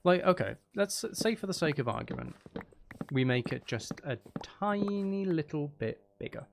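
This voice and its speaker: A man with a slightly high, expressive voice and some vocal fry talks at a normal pace over background noise. He's a live streamer casually chatting with viewers during a gaming stream, musing aloud and second-guessing himself as he works through a building task, half talking to himself.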